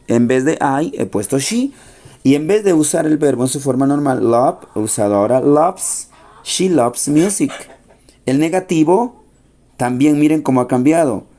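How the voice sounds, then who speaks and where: A man teaching an English grammar lesson in Spanish. He is patient, repeats the key points and slows down for the English example sentences. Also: medium pitch, mellow.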